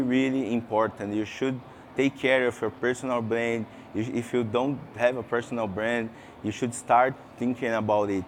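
Speaking in a mid-range voice, a Brazilian-accented man presents at a conference session room; he grew up speaking Portuguese in Brazil. The audio carries a light hiss or hum. He addresses questions to the crowd, his halting talk broken by restarts and plenty of fillers.

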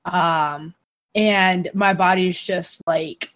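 A woman's voice: lowish voice, fairly even intonation, slow pace, fairly bright tone. A woman co-hosting a casual chat, talking in long, rambling explanations.

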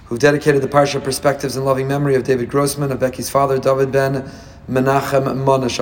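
A man with a hoarse, raspy, worn-out voice giving a religious lecture as a rabbi, emphatic and repeating points in strings of synonyms. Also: mid-range voice, darkish tone, in a large hall. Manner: emphatic repetition, piling up synonyms. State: hoarse, voice nearly lost. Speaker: rabbi teaching a weekly Torah portion class.

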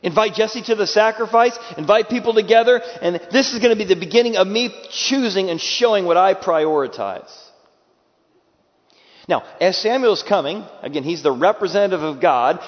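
A pastor with a high-pitched voice preaches a sermon at a moderate pace in a large space, where his words trail off into long reverb. He acts out the people he quotes, swinging between loud bursts and soft, hushed lines. The recording sounds dull and muffled.

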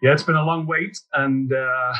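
A man from near chats as a podcast guest, relaxed and dotted with ums and uhs. His voice is bright and forceful. The audio sounds a little dull and lo-fi. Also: mid-range voice, normal speed, slight background noise. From England, near Liverpool. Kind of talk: casual interview chat.

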